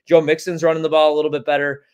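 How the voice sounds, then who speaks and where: He's an American sports betting analyst in his thirties, guesting on a podcast via video call from his home kitchen. His clean, somewhat high voice barely moves in pitch as he races along, blunt, rambling and swearing often.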